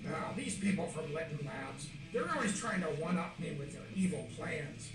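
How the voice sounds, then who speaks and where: A man's voice: a little high, expressive, normal speed. A man voicing a taunting male demon in a puzzle clip, his voice given a demonic layered effect, boastful and taunting. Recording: echoey, distant, loud music behind.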